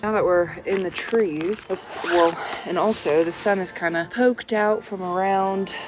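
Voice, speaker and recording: A woman's voice: on the low side, unhurried, rough recording. A young woman chatting casually to her vlog while out on a trail run, recorded outdoors on a mountain. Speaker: trail running vlogger. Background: music.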